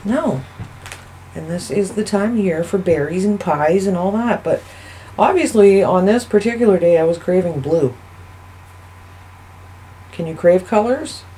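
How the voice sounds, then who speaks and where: A woman hosting a soap-making channel, giving a casual, chatty voice-over that rambles and thinks out loud as she goes. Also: fairly low pitch, lively intonation, a little slow, long pauses, low-quality recording. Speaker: soap maker and channel host. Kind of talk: casual voice-over narration of a craft video.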